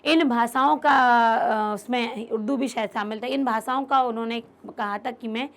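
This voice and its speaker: A woman's voice: fairly high pitch, normal speed. A woman teaching a literature lesson, restating each point in simpler words and putting questions to her students. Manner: explains by rephrasing terms in simpler words. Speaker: Hindi teacher. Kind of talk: online class lecture.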